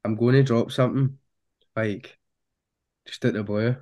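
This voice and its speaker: A man's voice: mid-range voice, steady tone, measured pace, dark tone, highs cut off. A man with a broad Scottish accent, talking informally and slangily as a music artist being interviewed. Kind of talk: casual interview chat.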